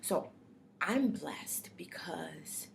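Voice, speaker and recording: A young woman in a casual, confessional vlog. She talks softly and reflectively and thinks aloud, with many fillers and restarts. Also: on the low side, drawn-out words, vocal fry, whispered. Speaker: vlogger sharing personal reflections. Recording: steady background noise.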